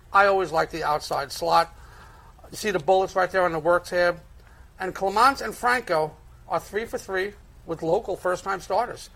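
A man's voice: high voice, gravelly, sharp tone. A man with a Brooklyn accent giving conversational horse racing analysis and picks as a handicapper. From Brooklyn, United States.

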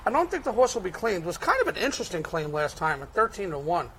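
A man's voice: sits high, very animated, fast, a bit bright, slight background noise. A man with a Brooklyn accent giving conversational horse racing analysis and picks as a handicapper. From Brooklyn, United States.

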